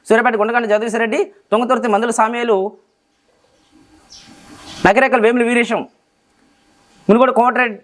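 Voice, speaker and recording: High-pitched fast-reciting Telangana Telugu man. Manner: rattles off long lists in an even, unbroken cadence. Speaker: interview guest reciting names from memory. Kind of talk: rapid memorized recitation.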